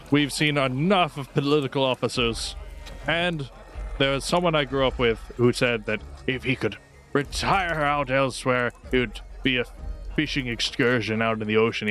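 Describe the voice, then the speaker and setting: A man playing his character in a tabletop game, calm and reasoning. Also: mid-range voice. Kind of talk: in-character tabletop role-play.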